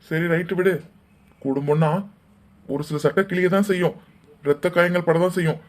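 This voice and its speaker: A man's voice: fairly high pitch, fairly even intonation, moderate pace. A man voicing a joking, teasing older brother in a cartoon family argument. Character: young man, a bantering brother of the bride. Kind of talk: cartoon dialogue acting.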